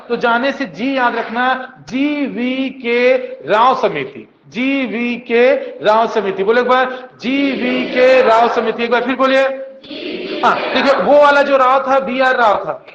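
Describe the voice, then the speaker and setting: A man's voice: very high voice, normal speed, fairly bright tone, a little hiss or hum. A man teaching a coaching class, drilling students with mnemonics in call-and-response. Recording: dull echoey classroom recording.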